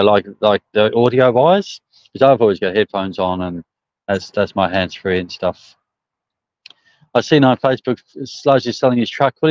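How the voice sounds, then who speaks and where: A man's voice: medium pitch, no room sound. A middle-aged man with a broad Australian accent chatting casually on a livestream outdoors, rambling and hesitant in colloquial language. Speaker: truck driver livestreaming. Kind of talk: casual live chat answering viewer comments. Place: outdoors on a service station forecourt. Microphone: phone propped at about arm's length. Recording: dull, slightly muffled phone livestream.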